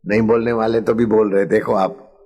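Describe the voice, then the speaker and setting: A man's voice: fairly low pitch, flat delivery, highs cut off. An older man preaching a satsang sermon, telling a story and chanting refrains. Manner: slow, chanting refrains and acting out story voices. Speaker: spiritual preacher.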